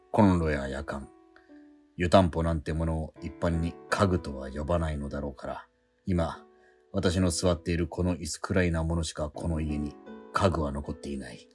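In a bass voice with a darkish tone, an actor voices a poor, struggling painter in a radio drama's inner monologue. He narrates his days and mutters wry, self-mocking asides to himself.

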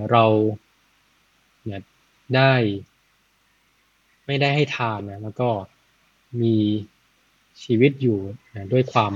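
A man retelling a Buddhist story in a casual, chatty way, often adding soft tag words and working out sums aloud. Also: medium pitch, slightly rough, no room sound, muffled recording. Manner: chatty, frequent "na" tags, thinks aloud with math.

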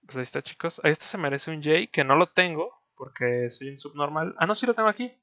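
A man's voice: a little high, expressive, fast talker, pushed and bright, lo-fi sound. A man with a Mexican Spanish accent hosting a stream in casual chat over an online call, loose and joking, with lots of fillers. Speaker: stream host.

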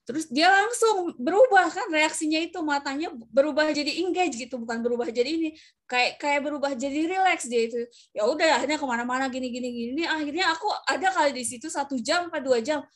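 A woman's voice: high voice, fast talker. A woman who works as a nurse, chatting casually on a podcast and telling rambling stories full of fillers. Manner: anecdotal, rambling storytelling with many fillers.

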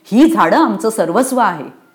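A woman voicing a brave young village girl on crutches, in a storybook reading, speaking in a high, urgent and pleading way. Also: expressive, unhurried, close to an everyday voice. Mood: desperate.

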